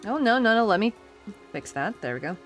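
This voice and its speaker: A young woman streaming casually while she draws, chatting to viewers, giggling and muttering quietly to herself as she works. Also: a little high, very animated, fairly quick. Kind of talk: casual art stream chat. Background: faint music.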